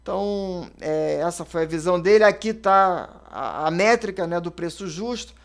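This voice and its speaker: A Brazilian man in his thirties or forties, an investment advisor, talks through his approach with a rather high voice. His delivery is casual and conversational, dotted with fillers and quick self-corrections. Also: creaky. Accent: Brazilian Portuguese. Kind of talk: casual explanatory talk.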